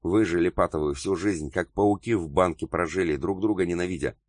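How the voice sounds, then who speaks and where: Audiobook: male reader doing a haughty older widow, firm, low-pitched, dry close read. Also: a little fast, no echo. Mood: stern. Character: stern proud older woman, a widow defending her late husband.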